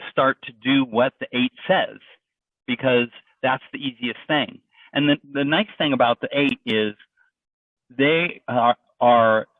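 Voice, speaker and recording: A man's voice: mid-range voice, no echo. Man presenting over a tinny call line. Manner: conversational, loose, with frequent fillers and restarts. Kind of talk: informal webinar presentation. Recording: dry, distant, phone-like audio.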